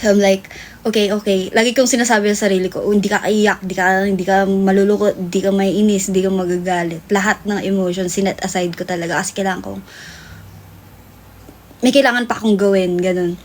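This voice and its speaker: A woman's voice: medium pitch, fairly even intonation, a little fast. A young woman hosting a livestream, telling a long story in casual chat that switches between Tagalog and English and is full of fillers. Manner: rambling Taglish storytelling with many fillers. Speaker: livestream host.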